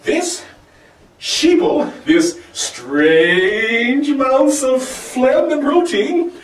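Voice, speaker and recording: A man delivering a rambling comic rant, swinging wildly in pitch and loudness and laughing as he goes. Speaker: comic monologue host. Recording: roomy echo, distant from mic.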